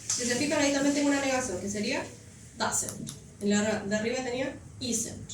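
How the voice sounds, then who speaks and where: Woman, high voice, patient classroom teacher, heard from afar in a noisy room. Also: brisk. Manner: patient, checks understanding with frequent questions. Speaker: English teacher. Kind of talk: classroom grammar explanation. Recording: echoey classroom from far off, noisy.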